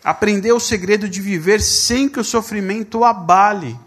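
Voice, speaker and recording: A man preaching a sermon as a pastor, reading scripture slowly and telling stories with voiced dialogue. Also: high-pitched, a bit bright. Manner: storytelling with quoted dialogue.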